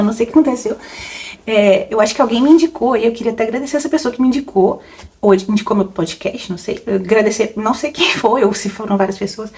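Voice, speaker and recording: Her voice is a little high and warm: a young adult book podcaster chatting casually through a Q&A. She rambles, laughs a lot, and fills her speech with fillers.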